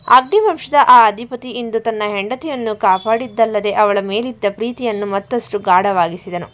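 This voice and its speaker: A woman reading scripted story narration for a family drama in an even, dramatic way. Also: a little high. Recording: dull lo-fi recording.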